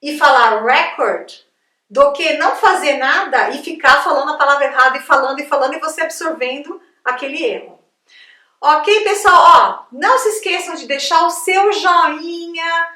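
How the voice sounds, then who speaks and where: A high-voiced Brazilian woman teaches in a chatty, upbeat way, checking in with her viewers all the time. Her voice sits a little off the mic in an echoey room. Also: normal speed, pushed and bright, distant mic. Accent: Brazilian Portuguese. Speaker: English teacher. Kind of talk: casual video lesson.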